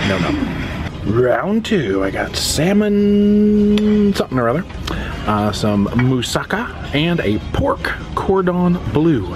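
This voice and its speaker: Chatty man vlogging over loud music. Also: fairly high pitch. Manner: chatty, playful, lists food items aloud. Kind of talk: casual travel vlog narration. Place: cruise ship buffet, decks and theater. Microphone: handheld camera.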